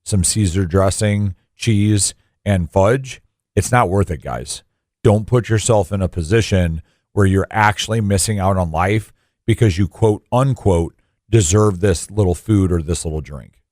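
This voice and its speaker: A man's voice: sits low, measured pace, a little mellow, no echo, clean studio sound. A man of forty co-hosting a radio show, talking informally and emphatically, repeating phrases for stress. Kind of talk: conversational radio talk with personal asides.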